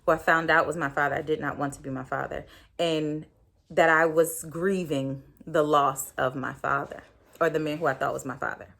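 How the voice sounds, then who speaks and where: A woman's voice: deep voice, fairly even intonation, normal speed, vocal fry, fairly bright tone. A woman in her thirties, a podcast host, telling a personal story in a candid, reflective way, with many fillers.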